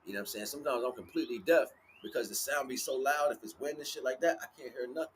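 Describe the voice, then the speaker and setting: A medium-pitched American man talks fast as he hosts a livestream, giving an informal spiritual monologue. He stresses and repeats his points in street slang. The audio is clearly noisy, with ambient sound behind him.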